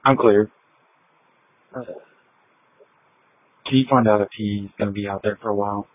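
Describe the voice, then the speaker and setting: A man's voice: lowish voice, steady tone, normal speed, dry recording. A male police officer making clipped requests over police radio. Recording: tinny narrowband police radio transmission.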